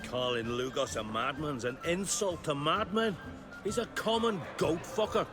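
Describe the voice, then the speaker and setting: A man voicing a blunt, rough-spoken chieftain. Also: fairly high pitch, moderate pace, over music, close to an everyday voice. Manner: blunt, commanding.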